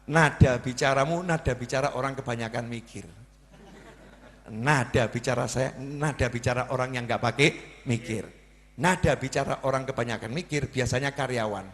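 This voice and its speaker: A man's voice: mid-range voice, moderate pace. A man with a Javanese accent preaching a humorous sermon, telling stories and acting out the dialogue himself. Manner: lively storytelling, acting out dialogue. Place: religious gathering hall. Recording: long reverb in a large hall.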